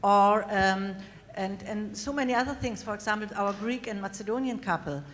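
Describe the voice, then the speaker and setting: A woman on a conference panel answering audience questions in a measured, thoughtful way. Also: mid-range voice, fairly bright tone, slight background noise. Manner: measured, thoughtful, some pauses. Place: conference hall. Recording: long hall reverb, faint ambience.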